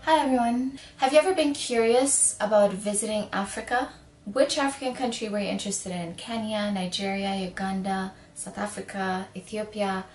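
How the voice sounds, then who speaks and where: A woman's voice: medium pitch, normal speed, a little mellow. A woman from Sudan reading an upbeat promotional message to viewers, asking questions and listing items. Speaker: ad presenter. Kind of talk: promotional read. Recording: roomy echoing recording.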